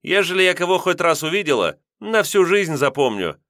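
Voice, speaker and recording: Guy doing a gabby bus conductress lady, high sing-song voice, talks fast and gets huffy easy. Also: big pitch swings, a bit bright, no echo, studio quality. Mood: chatty, indignant. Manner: sing-song, quick, indignant. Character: chatty middle-aged female bus conductress.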